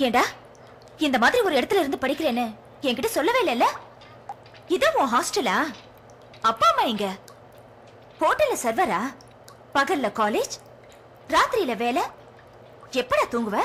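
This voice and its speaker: Loud music plays under this film scene, where a young actress portrays a cheerful, headstrong college girl with a chatty, coaxing manner. Her high-pitched voice is sing-song, at normal speed with frequent pauses, and slight background noise.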